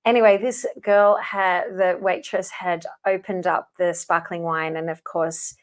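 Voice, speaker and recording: A woman co-hosting a podcast in casual chat, a lively storyteller who laughs often. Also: fairly low pitch, measured pace. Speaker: podcast co-host.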